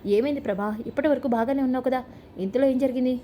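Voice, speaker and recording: A woman voicing a calm elderly father. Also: high-pitched, fast, a little hiss or hum, natural voice. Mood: pleading. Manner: calm, pleading for peace.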